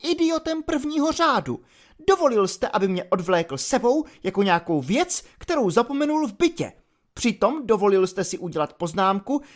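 A woman's voice: fairly high pitch, pitched above the performer's own voice. A man voicing an insulted young wife who reads out a biting, indignant letter in a raised voice.

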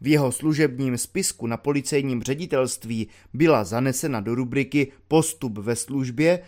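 A man narrating an audiobook in a measured storytelling way, slowing down for the dramatic lines. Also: mid-range voice, darkish tone. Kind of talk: audiobook reading.

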